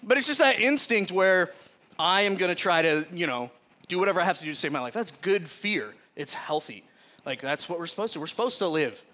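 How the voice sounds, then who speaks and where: Bright-voiced, lively man preaching. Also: high-pitched, fairly quick. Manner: animated, chatty storyteller who often laughs mid-sentence. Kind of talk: casual sermon with personal storytelling.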